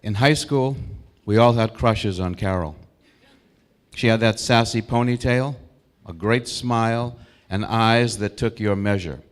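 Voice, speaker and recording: A man in his sixties with an American accent delivers a prepared eulogy. His voice sits a little low. He tells his memories reflectively, in short, deliberate phrases. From Brookline, Massachusetts, United States. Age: 60s. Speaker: eulogist, old school friend of the deceased.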